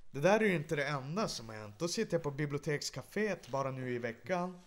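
A man co-hosting a podcast, telling lively stories and acting out shouts. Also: on the high side. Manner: animated anecdotes, acts out shouting. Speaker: podcast co-host. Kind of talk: casual chat, storytelling.

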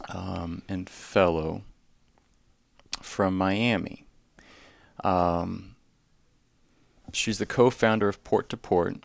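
This man has a low voice with a gravelly edge. He works through a formal introduction in a measured way before turning to interview questions. The sound is close and dry. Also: dry recording. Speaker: host and moderator.

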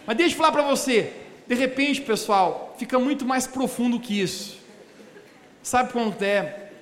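A male pastor, preaching a lively sermon and joking with the congregation in a church hall. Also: extremely high pitch, moderate pace. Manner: animated, joking storytelling with the congregation. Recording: echoey hall, live church sound.

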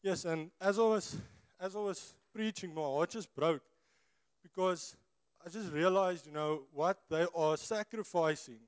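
A male preacher with a high, smooth voice and a broad South African accent shaped by his native Afrikaans. He addresses his congregation informally, in an earnest and conversational sermon style. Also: measured pace.

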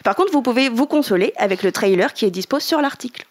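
A woman's voice: on the high side, animated, quick pace. Playful woman reading fan news. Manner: playful, stumbles and apologizes. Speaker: podcast co-host reading news. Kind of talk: casual chat, reading news items.

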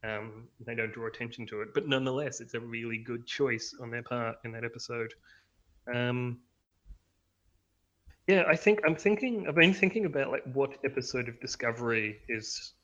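Man, casual podcast chat, halting and self-deprecating, mid-pitched, slightly muffled lo-fi sound. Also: a bit bright. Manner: hesitant, many fillers and restarts, self-deprecating. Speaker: podcast co-host.

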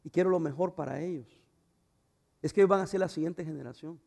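A middle-aged man pastor preaching a sermon, swinging from loud fervent passages to quiet, intimate asides. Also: a little high, quick pace, creaky.

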